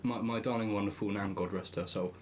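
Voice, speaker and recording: A man's voice: lowish voice, steady tone, fairly quick, darkish tone, a little hiss or hum. A man guesting on a casual film podcast, telling stories with wry, dry humour. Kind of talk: casual film review chat.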